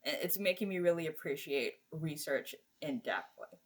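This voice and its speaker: Low-voiced young woman from Nigeria. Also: lively intonation, moderate pace. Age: young adult. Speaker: undergraduate guest. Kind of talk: casual interview.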